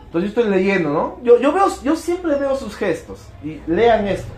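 A man giving a motivational talk about network marketing to an audience, animated and acting out quick bits of dialogue. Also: high-pitched, echoey room, soft background music.

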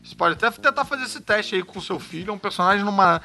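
A man talking in a relaxed chat, his voice bright and fairly high. He tells anecdotes in an animated way, full of quick asides. His pitch rises and falls a lot. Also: soft background music. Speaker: actor and voice actor guest. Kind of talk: casual conversation.

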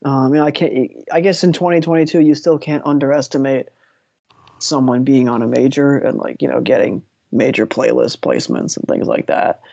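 A man's voice: medium pitch, steady tone, normal speed, vocal fry, warm tone, no room sound. Male co-host, casual chat, hesitant and wry, close and dry sound. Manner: rambling, hesitant, dryly sarcastic. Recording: dull lo-fi dry audio.

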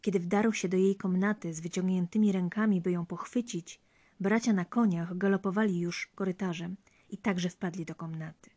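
A woman reading a fairy tale aloud in a hushed, intimate way. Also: on the low side, steady tone, normal speed. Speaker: storyteller.

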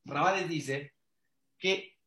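A man, a rabbi giving a conversational religious class. His voice sits fairly high, and he talks earnestly, circling back on his own phrases and posing question after question to his listeners. The room around him rings with a clear echo. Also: extremely slow, bright, forceful tone. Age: adult father. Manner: earnest, repeats phrases for emphasis, many rhetorical questions.

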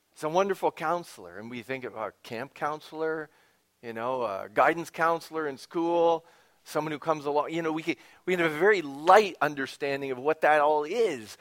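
A man preaching a sermon with expressive emphasis, dropping to a whisper and rising for key points, with conversational asides to the congregation. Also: on the high side. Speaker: pastor.

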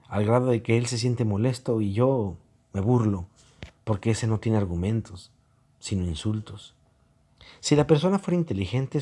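A man's voice: on the low side, mellow, slightly rough. A man giving a reflective monologue, mocking and acting out both sides of online arguments.

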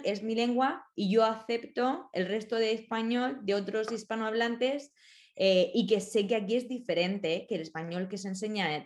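A woman with a Spain Spanish accent who works as a Spanish tutor, telling her story in an animated way in a casual conversation. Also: mid-range voice.

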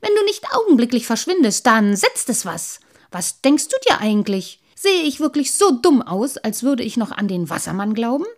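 A woman's voice: on the low side, level tone, moderate pace, few pauses. A woman voicing a tall, thin, stuffy man who is grumpy and scornful. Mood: angry. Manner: scolding, huffy, scornful.

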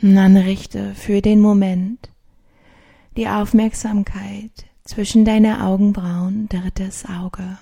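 A woman narrating a guided sleep meditation in a soft, hushed, soothing, partly whispered voice with long pauses, like a sleep story narrator. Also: mid-range voice, level tone. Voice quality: soft, breathy.

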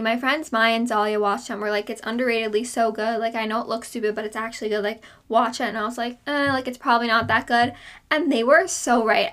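Bright gushing woman inside a closet. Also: fairly high pitch. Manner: gushing, emphatic, heavy use of "like". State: overheated. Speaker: podcast co-host. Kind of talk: casual chat. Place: inside a small hot closet.

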